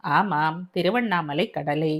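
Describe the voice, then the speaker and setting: A woman voicing a stubborn seventy-year-old grandfather in an audio novel, speaking gruffly in a lowered voice. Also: slow pace.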